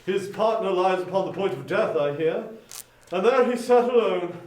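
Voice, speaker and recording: A man's voice: high-pitched, expressive, normal speed, darkish tone, echoey room, poor audio. A man playing a genial, fond husband chatting to his wife in a dramatic reading. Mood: musing. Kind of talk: dramatic audiobook acting.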